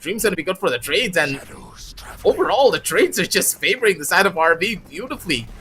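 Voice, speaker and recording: A man with a bright, forceful voice, a little higher than most, breaks down the economy and plays of a live video game match. He explains at length, then climbs into excited calls, with game sounds faint behind him. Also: fairly quick, slight background noise. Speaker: esports color caster. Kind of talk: live analytic commentary.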